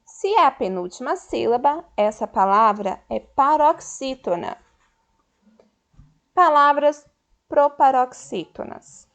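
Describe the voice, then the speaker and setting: A woman teacher with a Brazilian Portuguese accent, giving a recorded school lesson slowly and clearly, stretching the stressed syllables of her example words. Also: fairly high pitch, lively intonation. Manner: slow, clear, patient explaining to children.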